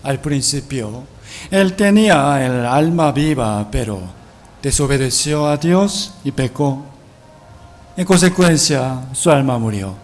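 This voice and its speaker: A man's voice: mid-range voice, animated, slow. A man teaching a Bible seminar in a sermon style. He reads scripture aloud and asks his listeners rhetorical questions, often adding a tag question.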